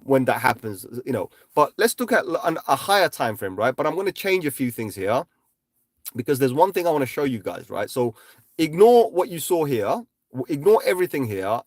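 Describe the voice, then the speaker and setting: A man casually walking viewers through trading charts on a livestream. He talks emphatically, speeds up in bursts, slows down to stress his points and keeps tagging lines with "right?". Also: medium pitch, dry recording, studio quality. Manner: emphatic, repeats "right?" constantly. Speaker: crypto chart analyst livestreaming.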